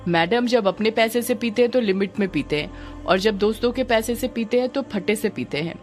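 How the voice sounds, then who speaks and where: A woman's voice: medium pitch, fairly quick, a little mellow, faint music behind, lightly acted. A woman voicing a joking lovestruck village man. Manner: chatty, teasing.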